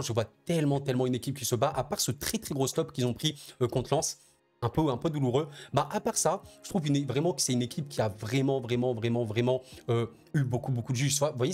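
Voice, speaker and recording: A man's voice: mid-range voice, darkish tone. A man with a French accent giving football predictions to his viewers in casual chat, piling up repeated words for emphasis. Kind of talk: casual spoken commentary to viewers.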